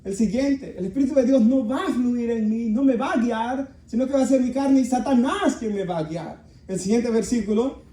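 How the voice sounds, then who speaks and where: A male pastor preaches earnestly to his congregation. His voice sits high but sounds dark and mellow. It is picked up from far away, in a roomy, echoing church. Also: normal speed, hardly any pauses. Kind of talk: sermon. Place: church hall. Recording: echoey room, voice from far off.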